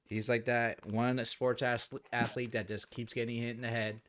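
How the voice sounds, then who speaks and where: A man's voice: medium pitch, flat delivery, normal speed, fairly bright tone. Easygoing man hosting a review chat. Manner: easygoing, leads the discussion and asks for ratings. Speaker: host. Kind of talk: casual watch-party chat.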